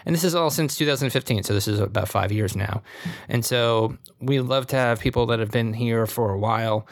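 A man's voice: medium pitch, fairly quick, creaky, dry recording. A man hosting a podcast interview over a remote call, upbeat and enthusiastic, leaning on "and so" as he talks. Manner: upbeat, enthusiastic, many fillers like "and so". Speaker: podcast host.

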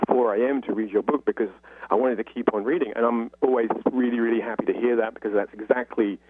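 This guest novelist, a man from North London with a London accent, responds to radio interview questions in a considered, explanatory style. He talks quickly at medium pitch with fairly even intonation and slight background noise. It comes through a muffled, phone-like narrow-band line.

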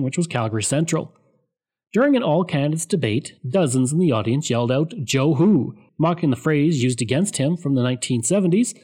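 A man giving a scripted, steady explanatory narration of political history. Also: a little high.

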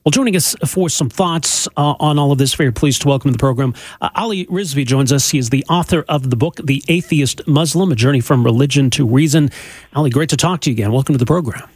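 A man hosting a radio talk show, speaking in a measured, earnest way and stumbling over repeated words when he asks questions. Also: medium pitch, husky, no echo. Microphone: studio microphone.

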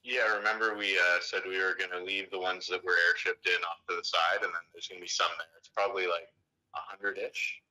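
Low-voiced man on a speakerphone call. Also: fairly quick, rough recording. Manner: relaxed, offhand, many fillers. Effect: heard over a speakerphone call. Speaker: staff member phoning in. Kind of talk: casual phone chat.

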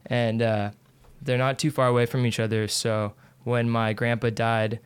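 A relaxed young man talks easily about his life, leaning on casual fillers. His delivery stays level with little rise and fall. The voice comes through very clear and dry, close to the mic. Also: mid-range voice, moderate pace, no room sound. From Santa Ana, California. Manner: laid-back, fillers like "like" and "pretty trippy". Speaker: guest. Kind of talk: casual interview chat.

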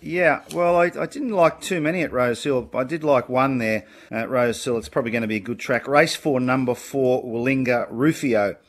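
A man's voice: mid-range voice, moderate pace, few pauses. Confident Australian man giving racing tips. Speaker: horse racing tipster. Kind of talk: casual racing tips on a panel show.

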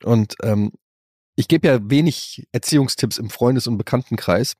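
A man's voice: medium pitch, moderate pace, darkish tone, slightly rough, no echo, clean studio sound. A man in his forties, a podcast co-host, chatting casually in a crude, ranting way and acting out the voices he quotes. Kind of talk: casual chat.

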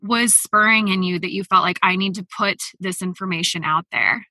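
A woman's voice: medium pitch, moderate pace, pushed and bright, no room sound. A woman hosting a podcast, reading her intro and then interviewing a guest with earnest enthusiasm. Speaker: podcast host.

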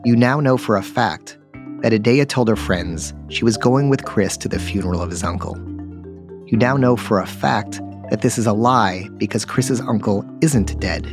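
A man hosting a podcast, narrating a true-crime investigation in a measured, insistent way. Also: lowish voice, over music.

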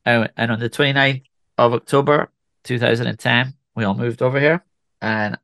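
A man in his forties from Scotland, with only a faint trace of a Scottish accent, talks as a guest in a relaxed, rambling way, restarting his sentences often. His voice has a gravelly, creaky edge. The sound is dry and close, with no room echo. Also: mid-range voice, normal speed. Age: 40s. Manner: relaxed storytelling with frequent restarts. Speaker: whisky ambassador guest. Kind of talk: conversational interview.

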